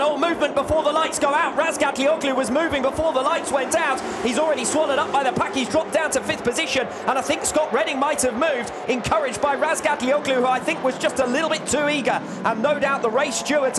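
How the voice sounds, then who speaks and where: High-pitched man commentating a race. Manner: dramatic, articulate play-by-play delivery. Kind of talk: live sports commentary.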